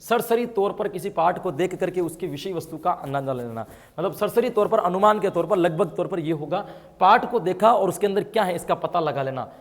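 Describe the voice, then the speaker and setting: A man's voice: high-pitched, expressive, fairly quick. A man teaching an exam-prep lesson, explaining answers and asking his students questions as he goes. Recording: long hall reverb.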